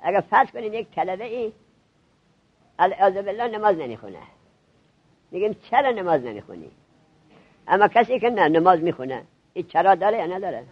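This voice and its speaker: A man teaching a classroom grammar lesson to seminary students, drilling them with quick questions. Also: sits high, animated, no room sound, dull audio.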